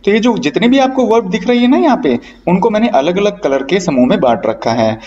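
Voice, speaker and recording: A man's voice: high voice, big pitch swings, fairly quick, darkish tone. A male English teacher drilling verb forms in a repeated chant, explaining rules and calling his students "beta". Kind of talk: verb-form drill lesson. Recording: dull lo-fi sound, mic set back.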